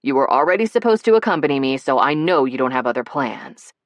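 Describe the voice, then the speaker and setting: A woman narrator voicing a charming, playful man who wheedles with good humor and rushes his words when nervous. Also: extremely low pitch, expressive, no echo. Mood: eager. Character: charming playful adult man, teasing and persuasive.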